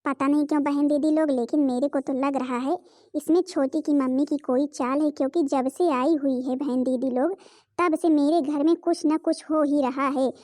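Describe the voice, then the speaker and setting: A woman's voice: high voice, fairly even intonation, moderate pace, mellow, dry recording, clean studio sound, natural voice. A woman voicing a middle-aged mother-in-law in a cartoon, soothing and reasoning. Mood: concerned.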